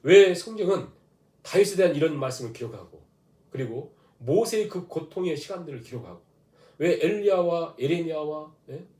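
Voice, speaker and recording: Echoey, mellow-voiced male pastor preaching. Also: on the high side, animated, normal speed. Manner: preaches with rhetorical questions, leads congregation in reading. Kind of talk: dawn prayer sermon. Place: church sanctuary.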